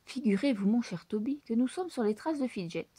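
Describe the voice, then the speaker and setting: A brisk, self-assured mouse detective from a storybook, bright-pitched and quick to explain, as a woman reading aloud puts him on. The voice sits somewhat high and mellow, recorded close and dry. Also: expressive, slightly rough, no echo. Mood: confident. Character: clever excitable male mouse detective.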